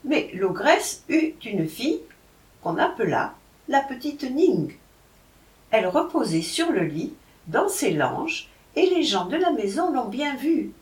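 A woman's voice: a little high, big pitch swings, takes it slowly, darkish tone, pitched above the performer's own voice. A woman reading aloud, voicing a grave man recounting an old tale. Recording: roomy, from a distance.

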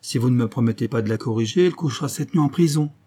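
A man's voice: medium pitch, very fast, warm tone, lightly acted. A man voicing a stern older male country gendarme who speaks harshly and threateningly.

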